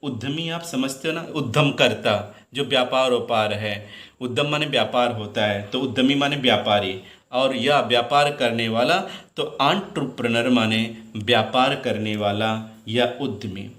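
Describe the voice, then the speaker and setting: Hindi teacher in an echoey room. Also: male voice, mid-range voice, fairly bright tone. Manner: addresses students as "beta", repeats words slowly, asks questions. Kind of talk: pronunciation lesson. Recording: roomy echo.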